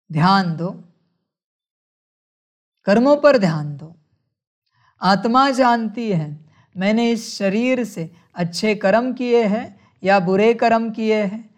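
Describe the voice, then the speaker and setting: A woman giving a spiritual sermon, speaking in a measured way, calling her listeners children and asking rhetorical questions. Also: medium pitch. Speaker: spiritual teacher.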